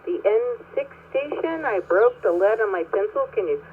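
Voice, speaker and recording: Over a thin, phone-like two-way radio link with light static, a woman serves as net control. She follows formal check-in procedure, and her pitch moves up and down in an animated way. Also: normal speed.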